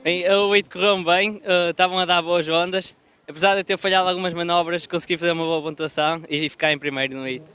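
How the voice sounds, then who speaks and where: Very fast, bright young man, European Portuguese accent. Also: sits high, fairly even intonation, clear, resonant tone. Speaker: competitive bodyboarder being interviewed. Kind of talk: post-heat interview. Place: outdoors at a surf contest.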